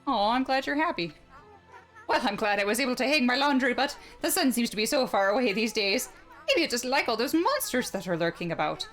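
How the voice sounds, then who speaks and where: A woman's voice: a little high, expressive, brisk, a bit bright, soft background music. A woman voicing a cheerful, fussy old village woman in a put-on Irish accent while reading game dialogue. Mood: fussing, delighted. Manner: sing-song, fretting and delighted.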